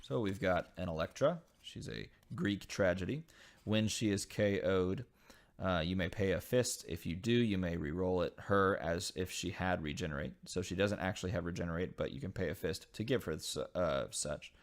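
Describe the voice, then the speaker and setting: Guy with a really low voice opening packs, reads card text out and thinks out loud, lots of uhs. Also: moderate pace. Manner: reads card text aloud and muses on it, with frequent uh fillers. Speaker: channel host opening dice game packs. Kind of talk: casual unboxing commentary.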